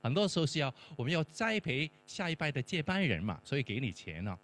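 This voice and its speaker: Middle-aged man, testimony story, lively swinging pitch, slightly high voice, faint mains hum. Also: fast talker. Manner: animated storyteller acting out dialogue. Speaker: professor and church mentor.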